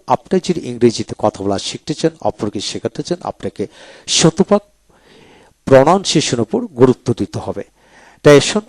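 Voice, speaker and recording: A man teaching English pronunciation in a video lecture, slowly saying each word and repeating it twice. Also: mid-range voice, darkish tone, no echo.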